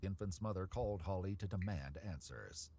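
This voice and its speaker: A man reading scripted narration for a crime documentary in a measured, even way. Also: sits low.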